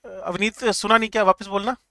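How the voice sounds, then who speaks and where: A man teaching chemistry in a lecture, joking with students and repeating key terms slowly. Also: sits high, steady tone, pushed and bright, no room sound. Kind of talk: classroom lecture.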